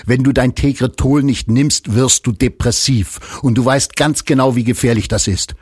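A man voicing a desperate, crude husband who urgently scolds his wife in a spoken audiobook, in a husky voice. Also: fairly low pitch, very animated, slow, no room sound, studio quality, exaggerated voice. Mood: exasperated, scolding.

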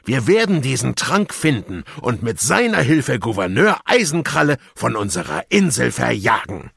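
Kapitän Rotbart, booming pirate captain, as a man puts him on. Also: big pitch swings, normal speed, gravelly, husky, dry recording, studio quality, full character voice. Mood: solemn. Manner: loud rousing speech-making. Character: gruff bold middle-aged male pirate captain.

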